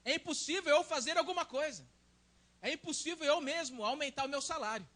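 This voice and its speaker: High, bright Brazilian man preaching. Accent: Brazilian Portuguese. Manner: conversational, tags sentences with "né?". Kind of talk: sermon.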